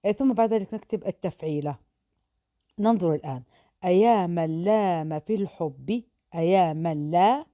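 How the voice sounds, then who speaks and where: A woman teacher walks through poetic meter, counting out syllables slowly and deliberately. Her voice is low and mellow. The recording is dry and a little dull, like a basic home setup. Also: dry recording. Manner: slow syllable-by-syllable dictation.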